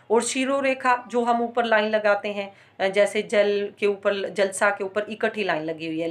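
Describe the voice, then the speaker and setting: A woman teaching a grammar lesson, explaining slowly with frequent pauses and stressing example words. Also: medium pitch.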